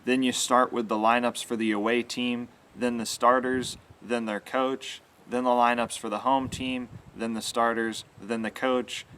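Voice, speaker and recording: A young adult man who instructs sports announcing gives an earnest explanation to camera outdoors in a yard with trees, stressing his key words. His mid-range, slightly bright voice is flat and a little slow, with hardly any pauses, and the recording has clear outdoor background noise.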